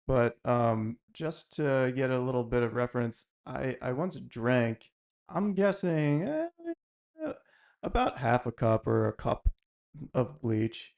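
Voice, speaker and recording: A man in a relaxed podcast conversation, mid-pitched and easygoing. He laughs easily and tells rambling personal stories. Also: slow pace, vocal fry. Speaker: podcast host. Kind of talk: casual chat.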